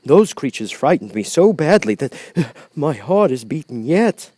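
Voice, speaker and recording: A man's voice: fairly high pitch, sing-song, dark tone, dry recording, pitched above the performer's own voice. A man voicing a big cowardly lion in a storybook, anxious and stammering, with a quavering voice. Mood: shaky relief. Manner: stammering, drawn-out fearful exclamations.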